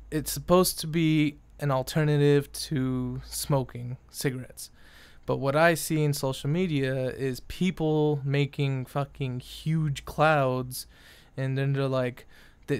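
A man's voice: medium pitch, clean tone, no echo. Young male vlogger, exasperated, swearing a lot, rambling opinions; clean, resonant tone, dead-dry room. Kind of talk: casual opinion rant.

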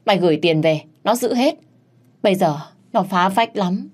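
A woman voicing a scheming old village mother-in-law who wails and scolds in a shrill voice. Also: expressive, normal speed, a little mellow. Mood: shrieking.

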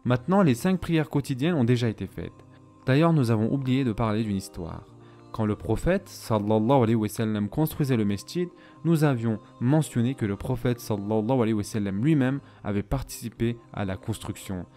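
A man giving a measured, explanatory voice-over lecture on Islamic history, weaving Arabic phrases into his speech. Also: medium pitch, dark tone, soft background music.

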